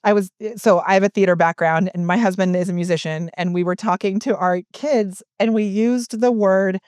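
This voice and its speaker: A middle-aged woman, a guest in a casual interview, telling stories in an animated way and laughing between points. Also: medium pitch, moderate pace, clear, resonant tone, dry recording, clean studio sound. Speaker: guest, business coach.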